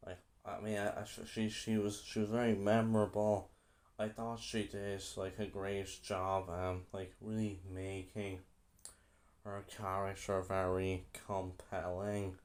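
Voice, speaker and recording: A young man giving a casual film review, halting and often repeating himself. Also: deep voice, a little mellow.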